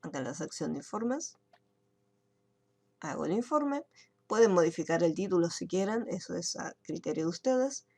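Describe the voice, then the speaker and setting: A woman's voice: lowish voice, animated, normal speed, vocal fry, warm tone, slightly rough. A woman teaching an online computer class, explaining each step and checking in with her students. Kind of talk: screen-share software tutorial.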